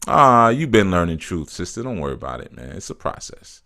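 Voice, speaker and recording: A spiritual teacher on a live stream reads viewers' comments aloud and answers them casually in a low, very animated voice that's brisk, pushed and bright. He laughs often and keeps saying "you know" and "man."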